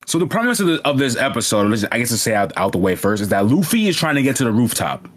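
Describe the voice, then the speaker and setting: A man from New York co-hosting a podcast, talking in a casual, excitable way, full of slang and swearing. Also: medium pitch, fast. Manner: excitable, slangy, swears freely, laughs often. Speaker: podcast co-host. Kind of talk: casual chat.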